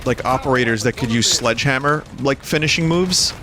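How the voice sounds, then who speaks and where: A man's voice: medium pitch, a little fast, over music. A man streaming a game, chatting casually in a wry, rambling way. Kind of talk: casual chat while gaming. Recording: game gunfire behind the voice.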